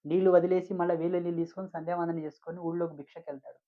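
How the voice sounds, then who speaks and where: A man's voice: on the high side, level tone, very fast, narrow, tinny audio. A man preaching a devotional sermon as a spiritual teacher, emphatic and repetitive, with frequent rhetorical questions.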